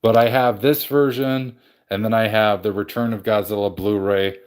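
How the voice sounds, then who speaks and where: Male stream host, lower voice, loose rambling chat with restarts. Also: steady tone, moderate pace, a little hiss or hum. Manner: rambling, self-correcting. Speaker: livestream host. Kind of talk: casual chat with live viewers. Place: home game room.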